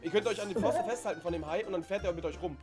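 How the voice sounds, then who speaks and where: A man's voice: high voice, very fast. A young man chatting with friends while playing a party brawler game, joking and using slang, with game music under his voice. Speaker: gamer. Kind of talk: casual multiplayer gaming chat.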